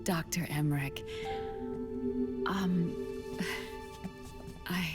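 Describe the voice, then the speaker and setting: Video game woman, gentle, reserved, slow-paced, lowish voice, background music. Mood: shy, gentle. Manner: gentle, hesitant, measured. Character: gentle, compassionate adult woman, reserved and tactful. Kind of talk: cinematic video game voice acting. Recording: music behind the dialogue.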